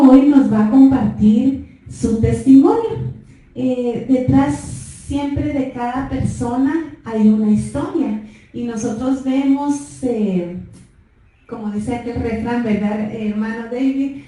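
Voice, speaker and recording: A woman hosting a church interview, speaking slowly with chuckling asides. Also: fairly high pitch, dark tone. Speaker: host interviewer. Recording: echoey room, far from mic, faint noise.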